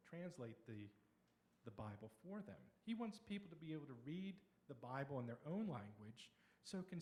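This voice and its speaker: A middle-aged man from Pennsylvania giving a conversational slide lecture on history, with explanatory pauses and restarts. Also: medium pitch. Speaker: local history speaker.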